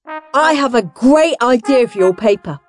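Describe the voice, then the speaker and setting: A woman voicing a bratty, loud young schoolboy who howls and whines. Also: high voice, expressive, a little slow, no echo, clean studio sound, soft background music, voice pushed up. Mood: taunting. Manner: howling, whiny, screeching.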